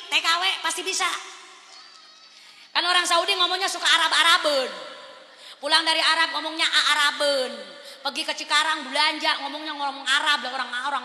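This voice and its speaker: Animated high-voiced woman preacher, echoey hall. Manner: animated storytelling, asks audience "betul, Bu?". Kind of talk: lively humorous sermon. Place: prayer room before an audience.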